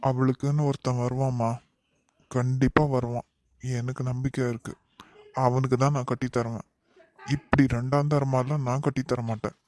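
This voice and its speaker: A man voicing a worried, gentle middle-aged father in a cartoon, soft and weary, in Kanyakumari Tamil. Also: mid-range voice, little pitch movement, normal speed, long pauses, dry recording, lightly acted. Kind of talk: cartoon voice acting.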